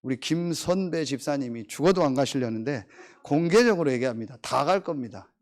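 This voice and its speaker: A middle-aged man preaching a sermon as pastor, swinging between emphatic, drawn-out declarations and chatty, joking asides about his family. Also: medium pitch. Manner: animated, emphatic preaching with drawn-out stressed phrases.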